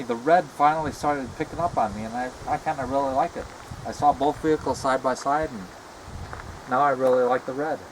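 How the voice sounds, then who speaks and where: Middle-aged man, speech from the corner of the mouth, casual rambling chat, halting, noisy outdoor recording. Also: mid-range voice, gravelly. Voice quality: talks out of one side of the mouth. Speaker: retired comic book artist showing a car. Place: outdoors beside a parked car.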